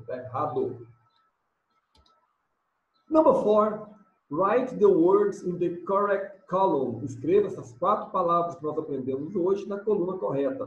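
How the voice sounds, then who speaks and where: A man's voice: high-pitched, reverberant, muffled recording. A man teaching children English, going over homework and drilling words by repeating them and explaining each in another language. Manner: switches between English words and Portuguese explanations, drills repetition. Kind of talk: recorded homework correction lesson.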